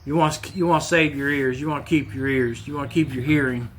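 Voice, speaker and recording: Over a slight hiss or hum, a woodworking channel host with a mid-range voice talks briskly while demonstrating in his home shop. His manner is casual and plainspoken, repetitive, with relaxed restarts.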